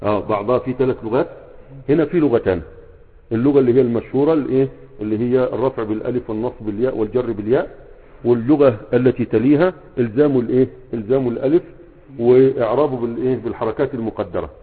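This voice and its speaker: A sheikh with an Egyptian accent teaches a grammar class, filling gaps with quiz-like questions and checking often that his students follow. His medium-pitched voice is slightly rough and races along. The audio sounds tinny and phone-like, in a reverberant hall.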